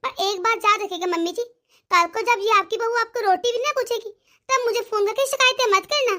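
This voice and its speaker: A woman voicing a petulant, meddling young married daughter in an animated cartoon, scolding and dramatic. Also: extremely high pitch, fairly quick. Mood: sulky.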